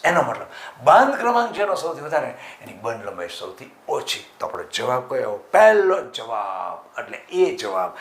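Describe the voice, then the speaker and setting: A man teaching chemistry exam prep in Gujarati, asking his students questions and answering them himself, stretching key terms out slowly. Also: mid-range voice, fairly bright tone, roomy sound.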